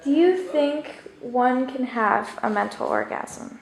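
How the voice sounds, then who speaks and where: Slow, gravelly female interviewer. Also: high-pitched, expressive. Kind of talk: interview questions.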